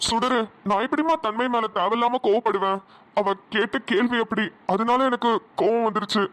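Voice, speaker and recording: A stern middle-aged cartoon father with a Kongu Tamil accent, voiced by a woman. He speaks gruffly, with a slightly raised pitch, as he defends his temper or pleads for forgiveness. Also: a little fast, a little hiss or hum, natural voice. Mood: defensive. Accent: Kongu Tamil (Namakkal). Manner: gruff, then remorseful and pleading. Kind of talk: cartoon voice acting.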